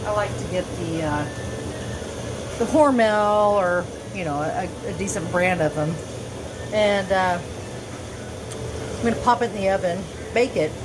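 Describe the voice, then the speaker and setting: A woman's voice: medium pitch, measured pace, long pauses, noisy background. A tipsy, giggly drunk woman casually narrating her home cooking vlog, rambling, joking at her own expense and swearing casually. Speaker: home cook vlogger. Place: home kitchen. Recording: music playing behind the voice. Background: background music from TV.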